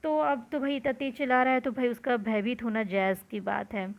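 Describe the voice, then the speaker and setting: Fairly high-voiced woman teacher explaining. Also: steady tone, a little fast, gravelly, highs cut off. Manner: explanatory, repeats and glosses words, talks to students. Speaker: school teacher. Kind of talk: explaining a literature lesson.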